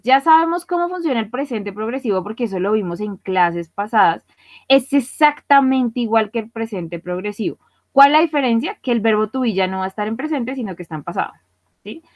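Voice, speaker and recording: A woman teacher with a fairly high voice runs an online English class, explaining grammar step by step and pausing often to check that her students follow. The audio is a little muffled and dull, with a dry close sound and no room around it. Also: no room sound. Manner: patient, checks understanding often. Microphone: computer mic for online class.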